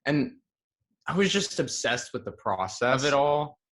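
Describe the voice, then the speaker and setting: A young man from Hawaii talking as an actor guest, relaxed and chatty with casual slang. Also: medium pitch, measured pace. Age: young adult. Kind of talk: casual interview answers.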